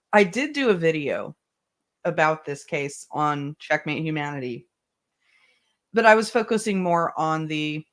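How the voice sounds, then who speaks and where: A livestream host commenting casually on a trial, halting and full of fillers, with the hiccups. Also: medium pitch. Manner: halting, filler-heavy, many restarts. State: has the hiccups. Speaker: trial-watching stream host. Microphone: streaming mic.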